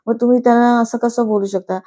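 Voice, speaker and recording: A woman's voice: on the high side, fairly even intonation, fast talker, dark tone. A woman giving a casual, chatty review on her YouTube channel, slipping English words into her talk.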